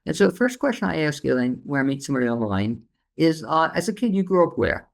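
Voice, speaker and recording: Talking fast in a slightly high, creaky voice with big pitch swings, this New Yorker hosts a podcast. His interview style is casual and easygoing, peppered with fillers.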